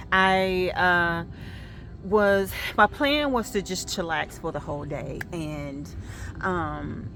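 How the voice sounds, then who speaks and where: A middle-aged woman vlogs straight to camera in a loose, chatty storytelling voice. She pitches a little low and leans on fillers as she recounts her day. Faint music plays underneath. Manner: chatty, animated retelling with fillers. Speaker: vlogger.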